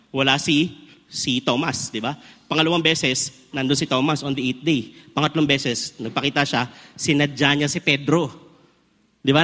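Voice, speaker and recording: Animated preacher in an echoing hall. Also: male voice, on the high side. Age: 40s. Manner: animated, humorous storytelling, asks the crowd questions. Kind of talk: conference sermon with personal stories. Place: large indoor conference hall. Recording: long reverb of a large hall.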